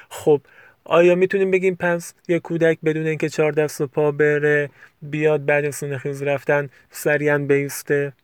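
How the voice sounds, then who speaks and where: A middle-aged male university lecturer explains a topic patiently, stopping now and then with hesitant fillers. His voice is smooth and clear and sits slightly high for a man. The recording is dry and close, with no room sound. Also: a little mellow, dry recording. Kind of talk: recorded lecture on child motor development.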